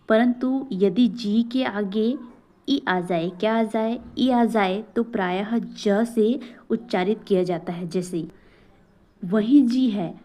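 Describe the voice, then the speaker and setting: A woman teacher leads a phonics lesson at an unhurried pace, with a soft, warm tone. She asks a question, then repeats the answer herself. Now and then she breaks off to encourage her students. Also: mid-range voice, poor audio. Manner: breaks into recited motivational verse. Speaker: English teacher.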